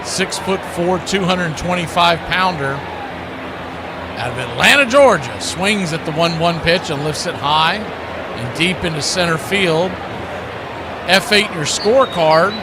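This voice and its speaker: A man announcing a baseball game play-by-play in a steady, matter-of-fact radio style. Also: on the high side, unhurried, background noise.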